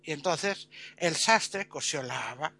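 A woman telling a folk tale in a casual, lively way, with playful sound words. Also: low-pitched, a little slow, gravelly, slightly rough, no echo. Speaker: storyteller.

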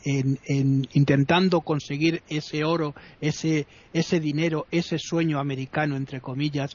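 Hesitant man. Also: on the high side. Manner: hesitant, full of restarts. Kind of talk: casual discussion. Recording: slightly muffled recording.

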